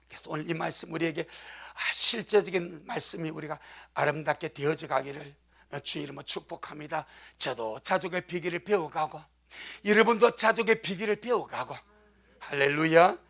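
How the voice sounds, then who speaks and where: A man's voice: fairly high pitch, creaky, pushed and bright. A man preaching a sermon as pastor, fervent and emphatic, often calling out amen.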